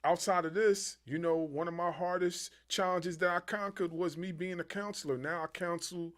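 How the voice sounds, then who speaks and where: Brief: talkative podcast host, a man with a fairly high voice, rambling and lively. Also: normal speed. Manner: animated, rambling with many fillers. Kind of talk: casual interview chat.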